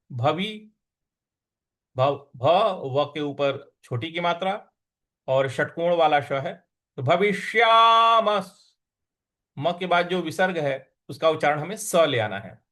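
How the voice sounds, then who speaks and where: High-voiced man slowly chanting Sanskrit verses. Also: fairly bright tone. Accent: Hindi. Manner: drawn-out chanting of verses between quick explanations. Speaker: Sanskrit recitation teacher. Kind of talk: slow syllable-by-syllable recitation lesson.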